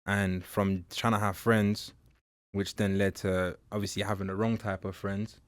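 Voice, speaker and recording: Man, young adult, from Nigeria, very low pitch, reflective and halting, dry studio sound. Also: flat delivery, dry recording. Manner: reflective, halting, with frequent fillers. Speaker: guest, mentor and public speaker. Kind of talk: candid personal interview.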